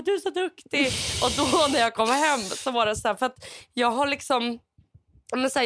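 A woman's voice: a little high, dry recording. A woman, co-hosting a casual podcast and telling a personal story through tears. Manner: emotional storytelling, near tears, quotes people with "jag bara". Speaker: podcast co-host.

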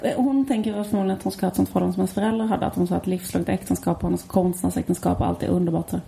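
A woman's voice: lowish voice, vocal fry. A woman co-hosting a podcast in casual chat, telling stories animatedly. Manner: animated storytelling, acting out quotes. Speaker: podcast co-host.

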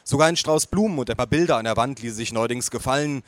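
Guy narrating an audiobook, calm n measured, a bit wry, dry close mic. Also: mid-range voice, no room sound. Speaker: audiobook reader. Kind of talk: first-person audiobook narration.

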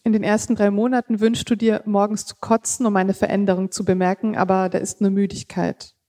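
Mellow-voiced woman reading her prose. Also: mid-range voice, little pitch movement, no echo, studio quality. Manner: measured reading with occasional slips and casual asides. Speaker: author reading her own text.

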